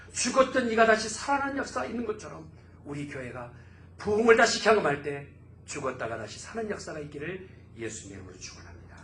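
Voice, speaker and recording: A man delivers a sermon from the pulpit of a church sanctuary. His fairly high voice rises and surges with fervent emphasis. The hall adds a noticeable echo over a faint background hum. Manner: fervent preaching, swelling to loud exclamations. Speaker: pastor.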